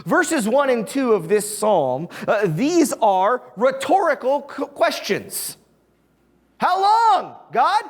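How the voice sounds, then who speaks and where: A preacher giving a sermon in a church, animated and full of rhetorical questions put to the congregation. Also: mid-range voice, takes it slowly, hardly any pauses, husky, long reverb tail. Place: church sanctuary.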